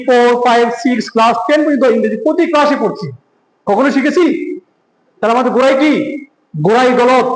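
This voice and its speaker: A man with a very high voice teaches an English pronunciation lesson, his first language Bengali. He quizzes the class again and again and repeats each point to drill it. His voice rings around an echoey room. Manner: keeps asking the class questions.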